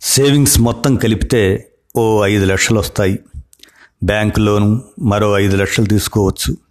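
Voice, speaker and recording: A man's voice: fairly low pitch, steady tone, normal speed, darkish tone. A man telling a family story in the first person, dramatic, voicing the people in it. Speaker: narrator. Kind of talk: storytelling narration.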